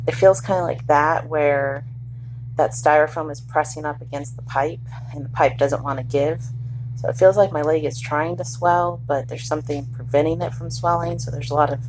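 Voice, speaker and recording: A woman's voice: low-pitched, fairly even intonation, moderate pace, a little mellow, a little hiss or hum, rough recording. A woman recovering from surgery, talking casually and candidly to camera in a rambling, lightly humorous way. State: recovering hours after surgery. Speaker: patient recording a personal video diary. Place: hospital room, in bed.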